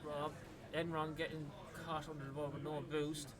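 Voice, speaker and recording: An Irish man commentating a live esports match in an arena, his voice sitting a bit high. He talks loosely with plenty of fillers and gets loud and excited when a goal goes in. A noisy crowd fills the background. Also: moderate pace. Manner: excitable, rises to yelling on big plays, many "like" fillers. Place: gaming arena venue.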